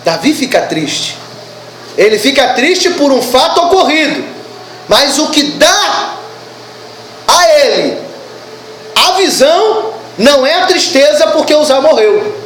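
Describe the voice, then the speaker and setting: A woman preaching a sermon at a church service, animated and asking the congregation questions. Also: high-pitched, a little slow, pauses often, roomy sound, slight background noise, poor audio.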